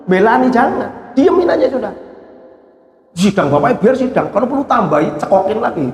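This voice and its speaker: A man with a Javanese accent, teaching a sermon and reading a classical Arabic text, then explaining it word by word and acting out scolding parents in quick asides. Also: high-pitched, big pitch swings, reverberant, in a large hall. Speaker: Islamic teacher.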